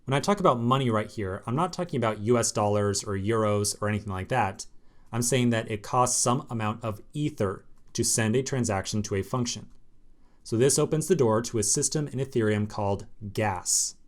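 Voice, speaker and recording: A man's voice: fairly low pitch, brisk. A man teaching a screencast coding lesson, explaining step by step in a casual way with fillers. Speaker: programming instructor.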